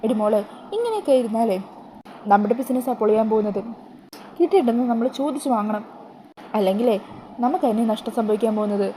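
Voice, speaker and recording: A woman's voice: a little high, lively intonation, quick pace, pauses often, dark tone, a little hiss or hum, lightly acted, poor audio. A woman voicing a pushy middle-aged mother who insists and scolds. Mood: insistent.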